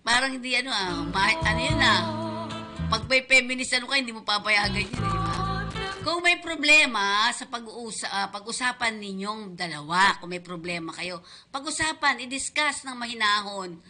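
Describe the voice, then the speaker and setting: A woman's voice: on the high side, animated, moderate pace, over music. A woman with a Filipino accent hosting a radio show, giving casual advice and often checking in with her listeners. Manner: chatty, asks listeners "di ba?" often, laughs. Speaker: radio host.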